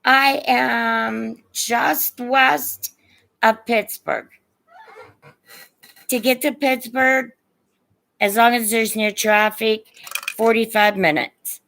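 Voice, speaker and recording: A middle-aged or older woman from Indiana with a Midwestern American accent chats casually while selling vintage and antique pieces on a livestream, calling her viewers by endearments. Her slightly high, somewhat bright voice has vocal fry and fairly even intonation, and she speaks extremely slowly with frequent pauses. The audio quality is poor.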